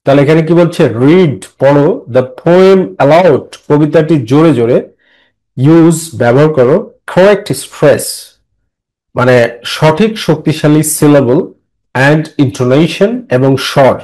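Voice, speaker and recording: A man with a Bengali accent teaching an English lesson, reading phrases slowly and repeating them with explanations. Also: fairly high pitch, a little mellow, low-quality recording. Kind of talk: bilingual classroom lesson.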